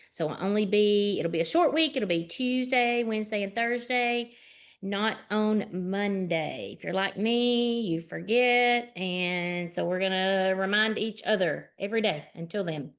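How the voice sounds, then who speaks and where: A woman's voice: mid-range voice, fairly bright tone. A woman teacher hosting an online class, giving informal announcements and instructions to pupils.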